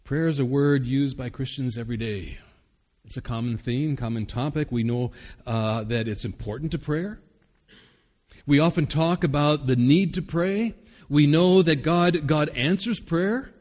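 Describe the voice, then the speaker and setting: A man's voice: mid-range voice, measured pace, a little mellow, long reverb tail. A male pastor preaching an earnest, conversational sermon with occasional fillers.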